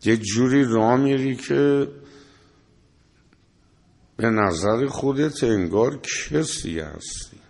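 A male preacher delivers a scolding sermon full of rhetorical questions, breaking into recited Arabic verses. His voice sits at an ordinary pitch and carries a long reverb from a large hall. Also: creaky, long pauses, a little mellow.

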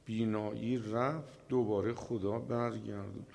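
A man giving a religious sermon, telling a story with slow, emphatic delivery, dramatic pauses, and a voice that swells at the key moments. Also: lowish voice, steady tone, creaky, a little mellow. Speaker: preacher.

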